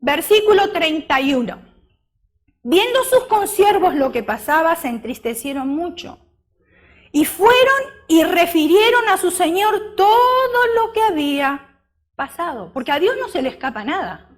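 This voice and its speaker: A woman preaching a sermon. She keeps asking the congregation questions and acts out the parable as she tells it. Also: extremely high pitch.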